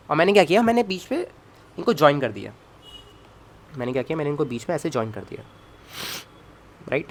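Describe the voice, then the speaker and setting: Lively man teaching physics. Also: fairly high pitch. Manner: lively, coaxing, asks constant check questions; jokey asides and self-talk while writing. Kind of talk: online lecture at a whiteboard.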